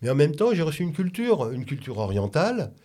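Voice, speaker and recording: A man's voice: fairly high pitch, big pitch swings, mellow. A man born in France, a radio guest who talks reflectively and often restarts his sentences. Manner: reflective, halting with many restarts. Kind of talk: conversational radio talk.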